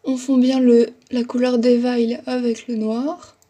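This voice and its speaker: A woman's voice: a little high, flat delivery, unhurried, warm tone. A young woman chatting casually through a makeup tutorial, talking as she works and making fun of herself. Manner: chatty, self-deprecating, talks while working. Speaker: makeup vlogger.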